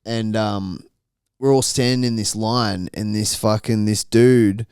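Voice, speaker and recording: A young Australian man with a fairly low voice co-hosts a casual podcast. He tells crude, swear-heavy stories. The sound is dry and close, with no room echo. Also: fairly even intonation, slow, a little mellow, clean tone. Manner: crude, profanity-heavy storytelling with laughs. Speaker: podcast co-host. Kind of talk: casual chat.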